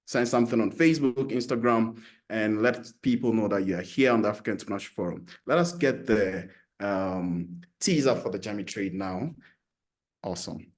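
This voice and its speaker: A man from Ghana hosting an online entrepreneurship forum over a video call, energetic and encouraging, talking in a chatty way with restarts. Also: fairly low pitch, moderate pace. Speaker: host.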